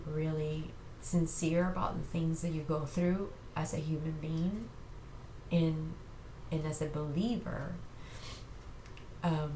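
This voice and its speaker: A woman giving an earnest, halting personal faith testimony to camera, tearful and sounding like she has just been crying. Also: deep voice, a little mellow. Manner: earnest, halting, reassuring listeners. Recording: echoey room with faint noise.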